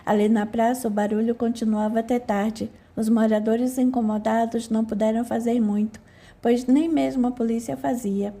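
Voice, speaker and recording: A woman narrating an audiobook in a calm storytelling manner. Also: a little high, normal speed.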